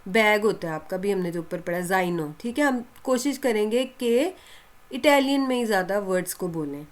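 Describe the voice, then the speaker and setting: Patient woman teaching a language lesson. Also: mid-range voice. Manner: asks questions and answers them herself, repeats to drill; reassuring, encouraging.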